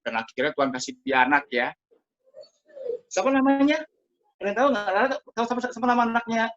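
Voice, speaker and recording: A man teaching a Sunday school Bible story to children in a lively, chatty way, talking to them directly over a video call. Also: sits high, brisk, crowd noise. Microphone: computer mic over a video call. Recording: muffled lo-fi video call audio.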